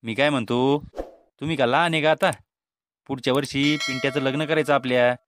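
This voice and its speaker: A man's voice: mid-range voice, steady tone, brisk, fairly bright tone, a little hiss or hum, close to an everyday voice. A man voicing an exasperated, timid middle-aged father in a cartoon comedy, with a Vidarbha Marathi accent and a pleading tone.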